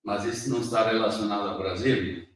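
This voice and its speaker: A man with a lowish voice interprets a lecture into Portuguese line by line, consecutively, rephrasing and restarting as he goes. He speaks briskly in a steady tone, sounding distant in an echoey hall.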